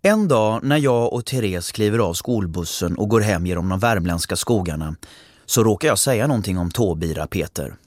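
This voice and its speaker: A man narrating a first-person story, calm and reflective. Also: fairly low pitch, no echo, studio quality.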